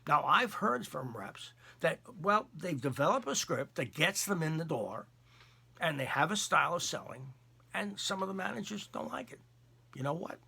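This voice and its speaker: An older man with a New York accent delivers a motivational sales talk in a bright, gravelly voice with a husky edge. He speaks emphatically, repeats his points, and swings his pitch widely. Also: moderate pace. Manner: emphatic, repetitive, animated. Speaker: podcast host and sales trainer. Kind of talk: motivational monologue.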